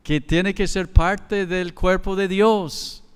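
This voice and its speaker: The long reverb of a large church hall surrounds a middle-aged pastor with a Mexican accent as he preaches slowly and conversationally, slipping in quoted dialogue. His voice sits high, steady and clean.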